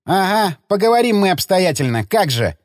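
A man voicing a brash, hot-tempered young man who bickers loudly and mocks the others, in an audiobook. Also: sits high, very animated, no room sound, studio quality, voice pushed up. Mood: grumbling. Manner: loud, mocking and quick to bicker.

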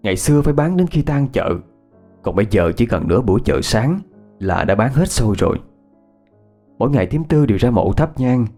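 A man, narrating a ghost story in a measured, unhurried way. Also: medium pitch, very animated, dark tone. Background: faint instrumental music.

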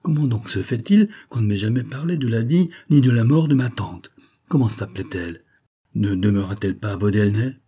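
A man's voice: fairly low pitch, brisk, dark tone, breathy edge. A man reading the lines of a proud, sulky young boy in an audiobook, sullen and defiant.

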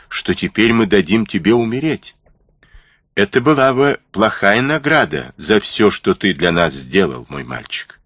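Man doing a stern kindly ship's doctor, low husky voice, lively pitch, audiobook. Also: no room sound, full character voice.

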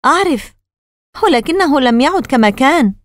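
An earnest young girl from a storybook, voiced by a woman narrator, tense and trying to keep the fear out of her voice. Her pitch sits well above the narration, lively and rising. The sound is dry and close. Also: moderate pace, no echo. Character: worried young girl, the older sister.

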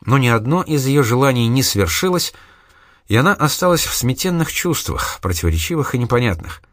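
Reading scripted audiobook narration, a man keeps his storytelling steady and measured in a mid-range voice. The sound is dry and studio quality.

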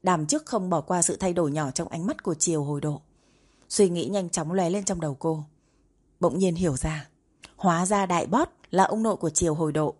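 A woman narrating a romance novel in an even, steady reading voice. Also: fairly low pitch, husky. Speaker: audiobook narrator.

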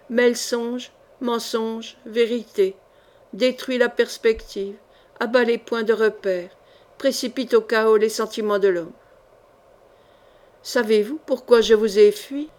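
A woman reads a swashbuckling novel aloud in an expressive, literary manner. Her voice sits fairly high. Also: unhurried. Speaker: audiobook reader. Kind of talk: audiobook narration.

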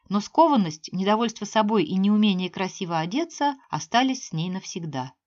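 A woman reading a novel aloud as an audiobook narrator, measured and expressive. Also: mid-range voice. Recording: slightly dull lo-fi sound.

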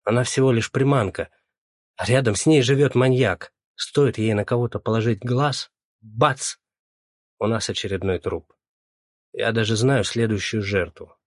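A man's voice: normal speed, no echo, studio quality, lightly acted. A man voicing a tired, haunted male detective in an audiobook. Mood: grim. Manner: low, muttering, tired.

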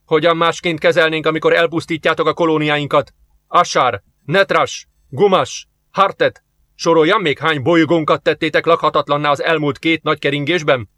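A man's voice: fairly high pitch, a bit bright, dry recording, lightly acted. A man voicing a stern, hostile male alien warlord in an audiobook, talking in curt commands. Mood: angry.

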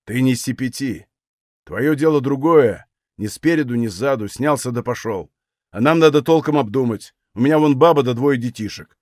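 A man's voice: mid-range voice, normal speed, no echo, clean studio sound, lightly acted. A man voicing a grim, hot-tempered Cossack officer who speaks coldly and threateningly. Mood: furious. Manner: cold, harsh, threatening.

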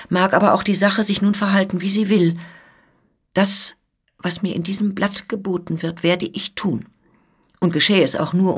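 A dignified elderly noblewoman thinks aloud and resolves to act, read by a woman. Her husky, low-set voice is firm and reflective. This is a literary radio reading, kept close to the reader's own voice.

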